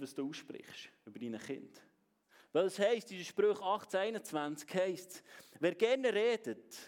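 A man, preaching a sermon and speaking straight to the congregation in an earnest way. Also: high voice. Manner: earnest, addresses the congregation directly, varies loudness.

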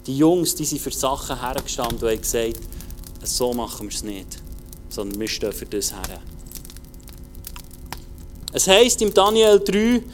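A man preaching a casual, colloquial sermon, talking straight to the listener and swinging between loud urging and quiet intensity. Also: mid-range voice, big pitch swings, normal speed, pauses often, a little hiss or hum.

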